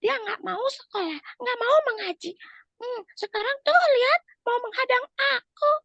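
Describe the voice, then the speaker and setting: A little girl, squeaky, very high, earnest, children's story, slightly muffled sound. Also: normal speed, vocal fry, fairly bright tone, dry recording, exaggerated voice. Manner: earnest, chatty, talks to the young audience. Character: sweet, earnest little schoolgirl.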